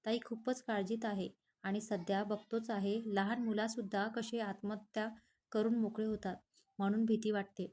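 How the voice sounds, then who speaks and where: A woman's voice: medium pitch, flat delivery, moderate pace, darkish tone, natural voice. A woman voicing a chatty young man who teases his friend, in a read-aloud storybook. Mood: earnest. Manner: teasing, chatty. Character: young man, lovestruck, pushy, joking friend.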